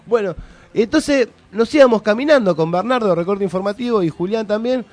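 A man's voice: sits high, animated, fairly quick, darkish tone. A young man with an Argentine Rioplatense accent, co-hosting a radio show and telling a story in casual slang, acting out both sides of a quarrel. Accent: Argentine Rioplatense Spanish. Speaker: radio co-host.

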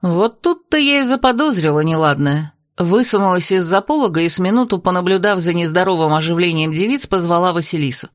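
A woman narrating a fantasy audiobook in the first person, in a lively, wry manner. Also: on the low side, fairly quick, hardly any pauses, no room sound, studio quality.

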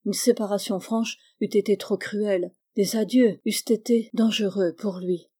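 Lady narrator reading an older guy, fatherly, gentle but firm, mellow soft tone. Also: mid-range voice, steady tone, moderate pace, breathy edge, natural voice. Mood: consoling.

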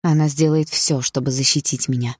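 A woman narrating a first-person audiobook in a measured, dramatic reading. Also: rumbling low, fairly even intonation, breathy edge, no room sound, studio quality.

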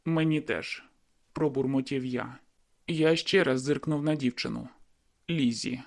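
An audiobook narrator reads a first-person novel in a brooding, inward way. His mid-range voice is a little mellow, with vocal fry and a measured pace.

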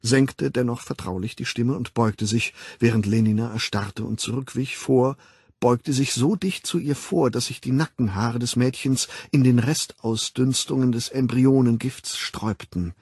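A man reading a novel aloud as an audiobook narrator, in a low, measured, husky voice. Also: a little mellow, dry recording, clean studio sound. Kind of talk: scripted literary narration.

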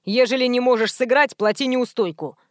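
A woman's voice: fairly high pitch, fairly quick, dry recording, studio quality, lightly acted. A woman voicing a rude, bossy male director who barks orders, in an audiobook reading. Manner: brusque, rude, commanding.

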